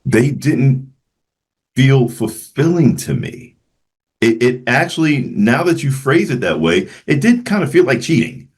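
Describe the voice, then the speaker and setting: A jazz flutist from Memphis, Tennessee, appears as a guest in a casual interview, speaking reflectively and often restarting his sentences. His medium-pitched voice swoops wildly and has a breathy edge.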